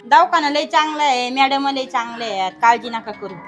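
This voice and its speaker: Woman doing a nosy lady at the clinic, kinda high voice, consoling, music clearly behind. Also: fairly quick, fairly bright tone. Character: chatty woman waiting at the clinic. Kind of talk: comedy skit acting.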